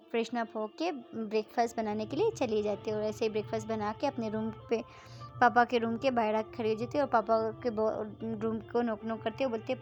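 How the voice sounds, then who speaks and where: A woman tells a love story in a casual, rambling way, often repeating herself and restarting names. Her voice sits a little high. Faint music plays behind her. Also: a little mellow, lo-fi sound.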